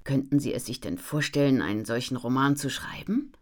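A woman voicing an enthusiastic female book editor who talks brightly and energetically on the phone. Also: rumbling low, a little fast.

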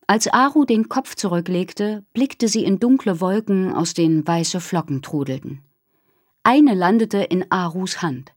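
A woman narrating a children's novel in an expressive storytelling manner. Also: lowish voice, a little slow, no echo, clean studio sound. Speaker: audiobook narrator. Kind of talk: scripted narration.

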